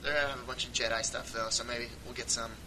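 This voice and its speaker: A man chats casually as co-host of a fan podcast. He laughs often and trails off mid-thought before starting again. His home recording carries a steady hiss and a low rumble. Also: fast.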